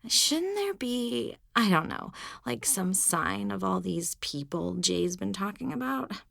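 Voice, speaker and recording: A woman's voice: medium pitch, very animated, slow, gravelly, fairly bright tone, no room sound, clean studio sound, pitched above the performer's own voice, exaggerated voice. A woman voicing a sarcastic, teasing dead teenage girl in an audiobook. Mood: hushed.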